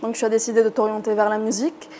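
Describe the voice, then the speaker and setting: A woman's voice: a little high, level tone, racing, mellow, a little hiss or hum. A woman from Algeria, hosting a studio interview in a playful way, slipping between Arabic and French. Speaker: interview host. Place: TV studio set.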